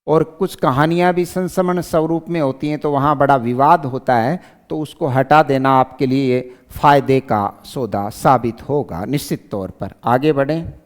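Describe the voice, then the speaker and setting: Teacher with a smooth, echoing voice. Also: male voice, medium pitch, normal speed, few pauses. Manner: asks and answers his own questions; explanatory, repeats key points. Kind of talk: exam syllabus lecture. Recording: clear voice with long reverb.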